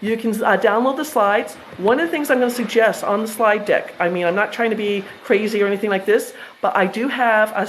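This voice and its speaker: A woman's voice: medium pitch, a little hiss or hum, low-quality recording. Chatty American woman presenting. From United States. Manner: chatty, self-interrupting, with frequent fillers and restarts. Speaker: trust educator presenting to investors. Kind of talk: casual presentation with slides.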